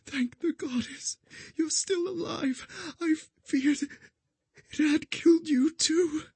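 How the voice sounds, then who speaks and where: A man's voice: very high-pitched, slow, gravelly, no room sound, voice pushed up, heavily acted. A man voicing a weak, dying young woman who speaks in a faint, tearful whisper.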